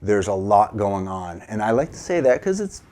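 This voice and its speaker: A man's voice: fairly low pitch, very animated, normal speed, a little mellow. A middle-aged man teaching a casual piano lesson, encouraging and counting aloud, a little sleepy. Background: piano playing.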